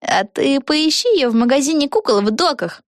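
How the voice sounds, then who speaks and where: Нетерпеливая прямолинейная девочка, читает женщина, приподнятый голос, сухо, без эха. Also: female voice, sits high, expressive, normal speed, no room sound, studio quality, voice pushed up. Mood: impatient. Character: brash young girl, blunt and impatient.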